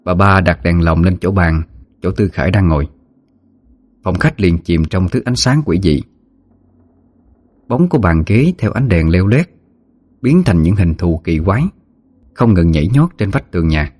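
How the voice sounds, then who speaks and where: A man narrating a ghost story in a steady, measured way. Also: sits low, no echo. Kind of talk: scripted horror story narration.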